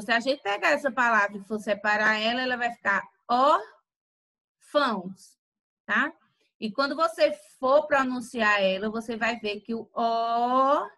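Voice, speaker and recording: Brazilian woman, teacher; unhurried, deliberate delivery with drawn-out examples, bright and slightly high voice. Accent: Brazilian Portuguese. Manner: slow and deliberate, stretching out example words and using "tá?" tag questions. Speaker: Portuguese teacher. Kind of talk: recorded grammar lesson.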